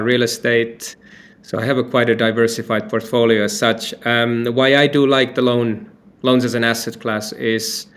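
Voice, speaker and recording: This guest is a Finnish company founder and CEO with a mid-range, slightly bright voice. In the interview he talks freely and casually, often restarting sentences and leaning on filler words.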